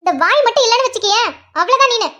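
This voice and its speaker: A woman voicing a lazy, sharp-tongued young daughter in a cartoon story, speaking in a high, mocking voice. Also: rapid-fire. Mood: mocking, cheeky.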